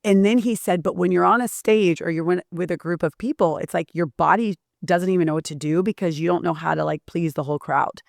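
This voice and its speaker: Woman, interview host, gravelly low voice, animated storytelling, dry close sound. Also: fairly quick, hardly any pauses, no echo. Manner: animated storytelling with many restarts. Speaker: podcast host. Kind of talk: casual interview chat.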